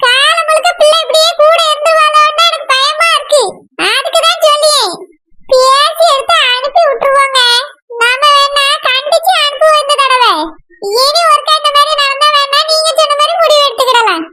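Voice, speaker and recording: A woman's voice: very high-pitched, fairly even intonation, moderate pace. A woman voicing a stubborn middle-aged village mother who argues insistently, with a Kanyakumari accent. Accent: Kanyakumari Tamil. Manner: pleading then reproachful, insistent. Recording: noisy recording.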